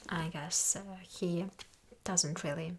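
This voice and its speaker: Woman acting a slow, soft-spoken sassy librarian, ASMR role-play. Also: lowish voice, fairly even intonation. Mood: hushed, helpful. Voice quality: soft, breathy half-soft voice, like a library soft voice. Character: sassy, dismissive female librarian recommending books to a visitor. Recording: clear background noise with clicks.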